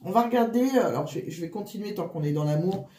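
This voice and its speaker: A woman giving a casual card reading, wheezy and short of breath with flu, halting and often restarting her phrases. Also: fairly low pitch, expressive, dark tone, echoey room. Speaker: tarot card reader.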